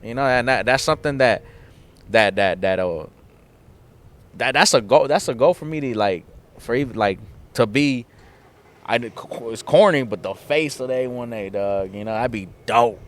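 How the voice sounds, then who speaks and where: A young man from California's San Fernando Valley speaks at a medium pitch and moderate pace. He's a guest musician in a casual interview outdoors in front of a theater, talking in a laid-back, slangy way packed with "like" and "dog".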